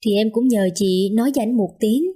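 A woman's voice: a little high, brisk, mellow, slightly rough. A woman voicing a flustered aunt who coaxingly asks a favor for her husband. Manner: coaxing and pleading.

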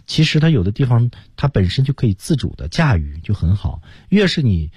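Mellow husky male teacher. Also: medium pitch, sing-song, no echo. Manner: measured, explanatory with many fillers. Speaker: English pronunciation teacher. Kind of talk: radio lesson feedback.

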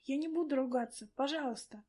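A woman's voice: high-pitched, a little fast, darkish tone, lightly acted. A woman reading a storybook part of a frantic young woman who pleads in tears for her lost charges. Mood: panicked pleading. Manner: pleading, breathless, tearful.

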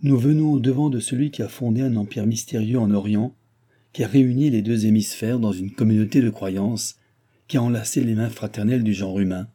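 A man's voice: fairly low pitch, steady tone, fairly quick, dark tone, husky. A man reading an audiobook, voicing the solemn, insistent president of a secret society.

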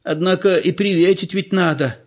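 A man doing a shrill, fretful old village woman. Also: moderate pace, dull audio. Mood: fretting. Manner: fretful, wailing.

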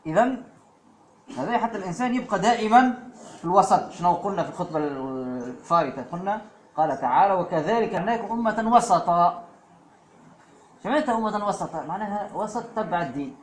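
A man's voice: sits high, lively intonation. Man, religious lesson, roomy echo, faint background noise. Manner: fillers and asides, slows to recite verses. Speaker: preacher. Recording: echoey room with faint ambience.

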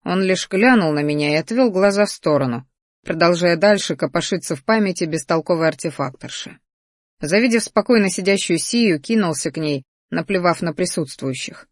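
Steady audiobook narrator, very dry sound. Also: mid-range voice, moderate pace, no echo. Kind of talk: first-person fantasy romance narration.

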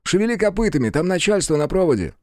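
A man's voice: high voice, sing-song, quick pace, darkish tone, no room sound, clean studio sound, pitched above the performer's own voice. A man voicing a brusque young male soldier delivering an urgent summons in an audiobook.

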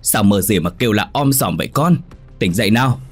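A man voicing a worried father gently coaxing his son awake, in a spoken horror story. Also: on the low side, lively intonation, brisk, soft background music.

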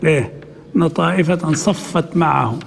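High-voiced sheikh teaching in a reverberant hall. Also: male voice, gravelly, husky. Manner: reads quoted text slowly, then explains in a conversational aside. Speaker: sheikh teaching hadith commentary. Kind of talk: classical Arabic lesson, reading and explaining a text.

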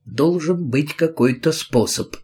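A man's voice: on the high side, lively intonation, soft background music, voice pushed up, natural voice. Man reading as a prim witch lady. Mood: brooding. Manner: slow, brooding, menacing, then suddenly sweet. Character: prim middle-aged woman, a witch. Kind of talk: audiobook character voice.

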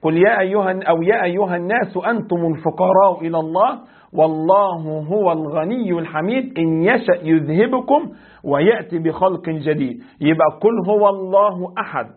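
A man with an Egyptian Arabic accent teaching a religious lesson as a sheikh. He explains slowly, recites verses and quizzes his class. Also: high voice, breathy edge, phone-quality sound. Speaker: sheikh teaching a creed text.

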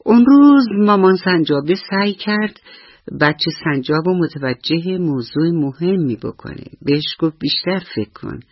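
A woman radio storyteller narrating a bedtime story for children in an affectionate, soothing, sing-song way, with a husky voice. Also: on the low side, animated, no echo, highs cut off.

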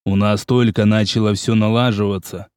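A man's voice: lowish voice, little pitch movement, normal speed, darkish tone, smooth, no room sound, clean studio sound, lightly acted. A man voicing a cold, scheming older nobleman who speaks curtly and dismissively. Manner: curt, dismissive, menacing.

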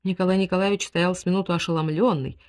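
A woman reading a novel aloud as audiobook narrator, with expressive, dramatic delivery. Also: fairly low pitch, fast. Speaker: audiobook reader. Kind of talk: scripted literary narration.

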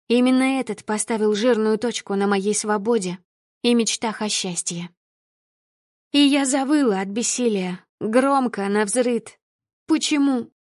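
A woman's voice: on the high side, darkish tone, dry recording, clean studio sound. Emotional woman narrating an audiobook. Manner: emotional, intense first-person reading.

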